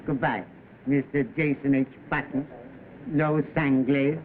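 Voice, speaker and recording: An actor playing a mysterious, courteous Chinese gentleman, formal and guarded, in 1930s film style. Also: medium pitch, level tone, natural voice. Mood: cryptic, formal. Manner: formal, measured, cryptic. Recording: tinny, noisy old film soundtrack.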